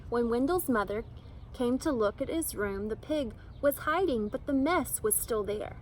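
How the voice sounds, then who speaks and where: Woman, children's story reader, swooping expressive intonation, emphatic delivery, faint noise behind. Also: fairly high pitch, normal speed, low-quality recording. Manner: animated, emphatic storytelling with acted dialogue. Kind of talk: expressive read-aloud of a children's picture book.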